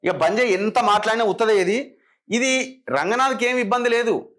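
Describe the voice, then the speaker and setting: A man's voice: high-pitched, moderate pace, fairly bright tone. A man with a Telangana Telugu accent giving opinionated political commentary, firing sarcastic rhetorical questions.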